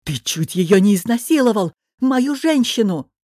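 A woman's voice: fairly low pitch, slow pace, no room sound. Storybook hothead: a woman doing a young swordsman, bellowing and raw, on a dry close mic. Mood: furious. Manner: shouting, furious. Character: hot-tempered young male swordsman.

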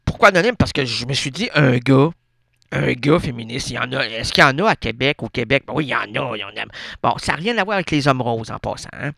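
A man's voice: mid-range voice, lively intonation, quick pace, creaky, bright, forceful tone, no room sound. A man with a Québécois French accent, a radio host telling a rambling comic monologue full of absurd asides and self-interruptions. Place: radio studio.

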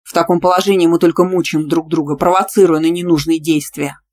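A cocky, possessive young male teacher, blunt and pushy in his demands, with a teasing edge. A narrator reads him in an audiobook. Delivered at a steady, ordinary pitch. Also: a little fast, lightly acted. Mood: insistent. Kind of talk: audiobook dialogue reading.

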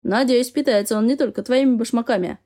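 A woman's voice: fairly high pitch, fast talker, warm tone, lightly acted. A woman voicing a wry, mocking man who shrugs things off in an audiobook. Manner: dry, smirking.

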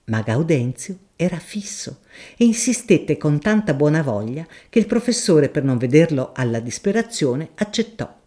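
A woman narrating a literary audiobook in a measured, expressive storytelling manner. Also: sits low.

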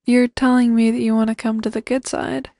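A woman's voice: fairly high pitch, flat delivery, brisk, warm tone, dry recording, studio quality, natural voice. A woman voicing a disbelieving man in a podfic reading, hesitant and incredulous. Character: disbelieving man hearing a surprising offer.

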